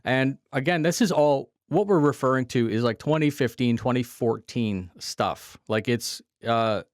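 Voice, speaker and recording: A man's voice: medium pitch, unhurried, no echo, studio quality. A man guesting on a casual podcast, talking bluntly, laughing and swearing now and then. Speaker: guest content creator. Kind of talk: casual chat.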